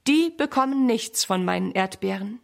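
A woman's voice: medium pitch, lively intonation, normal speed, vocal fry. A woman voicing an eager, earnest little boy in a children's storybook reading. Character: excited little boy Sammy guarding strawberries.

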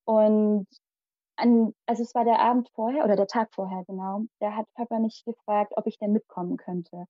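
Speaking at medium pitch and a moderate pace, a young native Malayalam speaker recounts a personal story with lively drama during an interview. The audio is dull, with no echo.

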